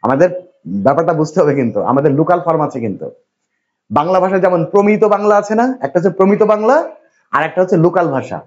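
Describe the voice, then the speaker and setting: In this classroom lecture, an English teacher from Bangladesh keeps quizzing his students and offering them reassurance. He talks fast in a fairly high, animated voice, and the audio sounds dull.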